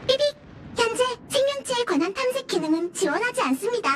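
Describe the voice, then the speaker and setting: Beeping helper robot. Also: female voice, extremely high pitch, sing-song, quick pace, over a noisy crowd. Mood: announcing. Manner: polite, chirpy, announces steps like a machine. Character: chirpy little household finder robot, eager to help. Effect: robot voice, beeping before lines. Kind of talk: video game dialogue.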